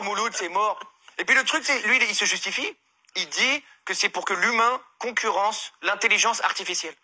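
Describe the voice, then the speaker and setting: A French comedian tears through his column in a high, husky voice. He sounds bright and cutting, all exasperated mock outrage. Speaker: comedian giving a humor column. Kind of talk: comic monologue.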